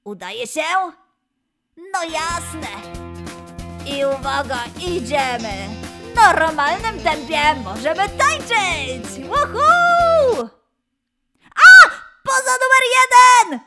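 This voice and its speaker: A woman voicing a cheery male lion mascot who leads a children's dance and gymnastics class, calling out poses with excited, drawn-out cheers. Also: high voice, loud music behind the voice, exaggerated voice. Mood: cheerful. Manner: excited, sing-song cheering, drawn-out calls. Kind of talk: children's exercise instruction.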